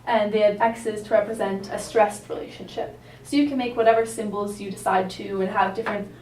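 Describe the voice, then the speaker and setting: A woman speaking as a calm, supportive therapist, asking gentle questions and affirming answers in a counselling session. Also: mid-range voice, a little fast. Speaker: counsellor in a practice roleplay session. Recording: roomy, distant mic, faint noise.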